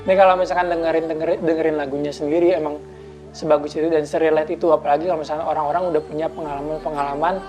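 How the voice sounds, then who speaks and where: Young lady hosting a tv chat, talks quick and bubbly, lowish voice, faint music behind. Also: fairly even intonation, warm tone. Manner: chatty, upbeat, addresses viewers. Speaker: TV show host. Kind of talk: casual TV interview.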